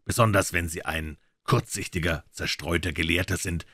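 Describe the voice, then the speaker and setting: A man's voice: deep voice, steady tone, moderate pace, bright, forceful tone, no room sound, clean studio sound, exaggerated voice. A man voicing a suave, amiable and mocking male detective in a crime audiobook. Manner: smooth, amiable, ironic.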